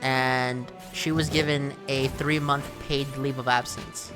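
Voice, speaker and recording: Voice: medium pitch, little pitch movement, a little slow, over music. A host chatting casually while playing a game, dry and matter-of-fact, prone to tangents. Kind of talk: casual gameplay banter.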